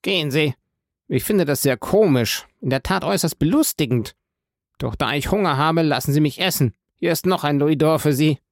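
A man voicing a haughty, indignant rich gentleman in an audiobook, with imperious, exasperated outbursts. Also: fairly high pitch, normal speed, no echo, studio quality, voice pushed up, lightly acted. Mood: incredulous. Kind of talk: audiobook character voice.

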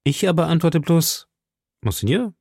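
A man voicing a proud, fearless young musketeer who speaks earnestly and forcefully. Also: on the high side, animated, normal speed, vocal fry, slightly rough, dry recording, studio quality, voice pushed up, heavily acted.

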